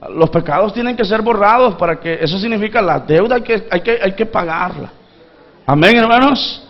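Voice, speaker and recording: A man's voice: sits high, lively intonation, normal speed, muffled recording. A man pastor from Honduras preaching a sermon, calling for responses from the congregation and acting out pleading voices from the story. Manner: acts out pleading voices from the parable.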